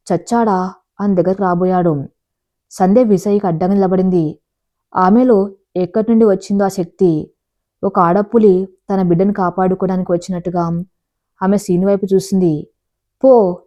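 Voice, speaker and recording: Woman, storyteller, scripted narration, warm dark tone, steady measured delivery. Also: mid-range voice.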